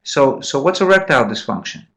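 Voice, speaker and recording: A man's voice: mid-range voice, expressive, fairly quick, fairly bright tone. A man giving a live medical lecture in a classroom, quizzing students and repeating key points. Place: lecture room.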